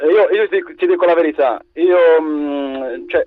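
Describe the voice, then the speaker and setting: A man with a Moroccan accent calling a radio phone-in, speaking spontaneously and haltingly, restarting his phrases. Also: on the high side, no echo. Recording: dull, band-limited phone line.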